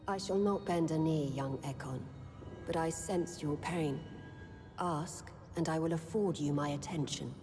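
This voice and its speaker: A proud old leader of the undead in a game. Her voice is low and stern, with solemn old-fashioned phrasing, carried in long reverb with music underneath. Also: unhurried. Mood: proud, guarded. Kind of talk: dramatic video game voice acting.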